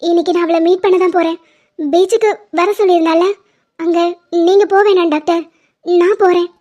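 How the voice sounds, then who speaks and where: A woman voicing a shrill, tearful cartoon heroine. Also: fairly even intonation, fairly quick, mellow, lo-fi sound. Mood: determined. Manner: tearful, urgent pleading. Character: emotional young woman, loyal and impulsive. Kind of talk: Tamil cartoon dubbing.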